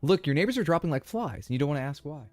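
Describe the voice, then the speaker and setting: A man voicing a blunt male detective in a game, questioning in a low, terse voice. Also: lively intonation, racing, darkish tone, dry recording, close to an everyday voice. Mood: stern.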